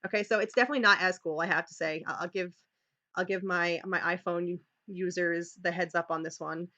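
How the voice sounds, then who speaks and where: A woman's voice: lowish voice, steady tone, a little fast, pushed and bright, muffled recording. A woman with a New York accent leading a live screen-share tutorial for teachers, chatty, with many "okay"s and restarts. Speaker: teacher leading a training session.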